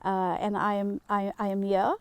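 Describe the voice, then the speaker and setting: A South African woman speaking earnestly as an interview guest, pausing often with fillers. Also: medium pitch, monotone, smooth, no room sound. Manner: earnest, halting with many fillers. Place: home.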